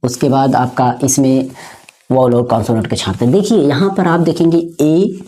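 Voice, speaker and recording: Mellow-voiced man teaching basics. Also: medium pitch. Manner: repetitive, often checks understanding; spells letters out slowly. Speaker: English teacher. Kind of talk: step-by-step classroom explanation.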